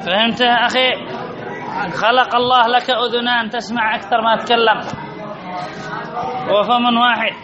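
A man's voice: very high voice, flat delivery, moderate pace, long pauses, crowd noise. A man teaching a grammar lesson, repeating rules and quizzing his listeners with questions. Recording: dull lo-fi recording with audience murmur.

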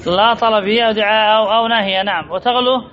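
A man's voice: high-pitched, fairly even intonation, rapid-fire, a bit bright. A man teaching an Arabic grammar lesson to a class, reading from a text, repeating key terms and calling on students by name to answer. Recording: dull lo-fi classroom recording.

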